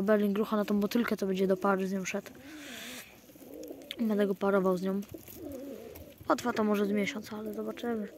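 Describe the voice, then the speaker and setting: A man keeping pigeons, talking casually to his viewers outdoors by the loft in a rambling way with many fillers and restarts. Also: high voice. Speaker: pigeon keeper. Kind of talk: casual vlog narration to viewers. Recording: outdoor noise with cooing pigeons. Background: pigeons cooing.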